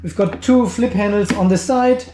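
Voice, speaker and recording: This product reviewer has a high, mellow voice and talks at a normal speed, with a little hiss or hum in the recording. He is unboxing and reviewing an item in what seems to be a workshop or garage, and the sound echoes around the room. His commentary is informal, as if he's thinking aloud while handling it.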